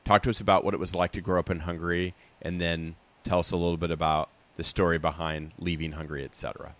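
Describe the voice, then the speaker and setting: Deep-voiced man hosting a podcast. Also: level tone, quick pace. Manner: upbeat, laughs easily. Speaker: podcast host. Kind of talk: podcast interview.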